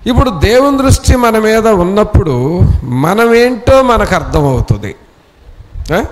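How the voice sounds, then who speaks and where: A man's voice: sits high, sing-song, measured pace. A man preaching a sermon who exhorts his listeners with repeated rhetorical questions and leads a scripture reading line by line. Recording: long reverb in a church hall.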